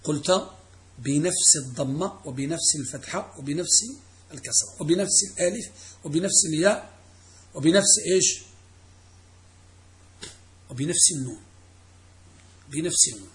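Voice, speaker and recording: A man's voice: a little high, moderate pace, long pauses. A middle-aged man teaching a classroom grammar lesson as a religious teacher, quizzing students and repeating key phrases.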